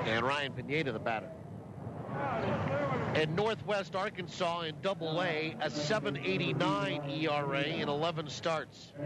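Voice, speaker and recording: Male sports broadcaster for live baseball radio, slightly high voice, measured commentary, audible open-air ambient noise. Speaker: baseball radio play-by-play announcer. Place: outdoor ballpark broadcast booth. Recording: clear outdoor ambient noise.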